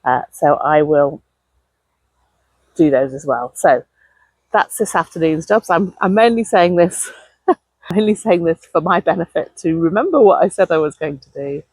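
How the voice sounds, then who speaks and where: A woman's voice: sits low, animated, measured pace, darkish tone, husky, no room sound, low-quality recording. A woman talking casually and chattily outdoors, as if keeping a gardening video diary. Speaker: allotment gardening vlogger. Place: outdoors on an allotment.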